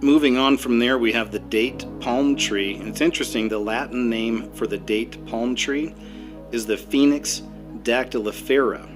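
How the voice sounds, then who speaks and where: A man's voice: medium pitch, normal speed. A man delivering scripted commentary as a narrator. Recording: music under the voice.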